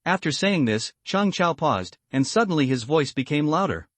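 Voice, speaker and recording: A man tells a comic story in a scripted recap, his voice sitting a little high and swinging lively up and down. The sound is dry and close, with no room around it. He reads every part in the same even narrating voice. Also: moderate pace, no echo.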